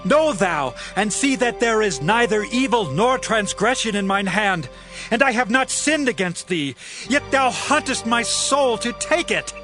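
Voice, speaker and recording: In a dramatized scripture recording, a man plays an impassioned, loyal warrior pleading with his king. His voice sits high, and he speaks in drawn-out, declamatory archaic phrases.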